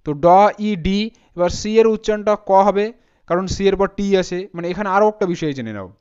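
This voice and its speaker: A man's voice: high voice, animated, fast, a little mellow, clear, resonant tone, lo-fi sound. A man teaching English pronunciation as a spoken lesson, patiently spelling words out letter by letter.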